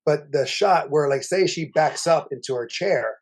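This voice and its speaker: A man co-hosting a casual movie review chat, rambling and animated, with many restarts. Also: on the high side, moderate pace. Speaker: podcast co-host.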